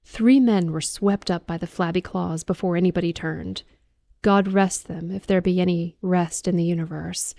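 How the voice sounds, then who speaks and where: A woman reading a horror audiobook as a calm bedtime ASMR narration, soft, measured and deliberate. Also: fairly low pitch, creaky, no room sound.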